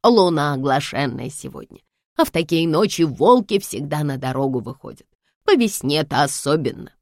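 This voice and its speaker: A woman's voice: low voice, lively intonation, moderate pace, no room sound, clean studio sound. A woman doing a fretful old housekeeper. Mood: fretting. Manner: fretful, clucking, emphatic. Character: fussy old housekeeper, doting, superstitious worrier.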